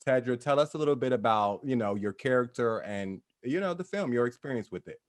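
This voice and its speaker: A man's voice: medium pitch, lively intonation, fairly quick, no echo. A man hosting a live talk show, introducing guests in a loose, upbeat way with casual slang. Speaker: host.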